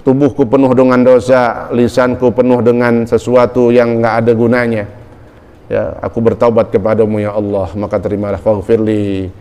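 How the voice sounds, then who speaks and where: A man's voice: mid-range voice, little pitch movement, normal speed, warm tone, clear, resonant tone, big-room sound, close to an everyday voice. A man voicing a repentant old hermit who pleads for forgiveness in prayer. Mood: pleading. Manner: pleading, confessional.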